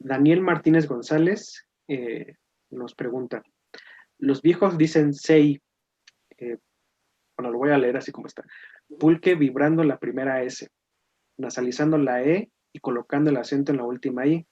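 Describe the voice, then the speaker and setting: Man, mellow moderator reading questions. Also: mid-range voice, moderate pace, slightly rough. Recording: dull muffled online talk audio.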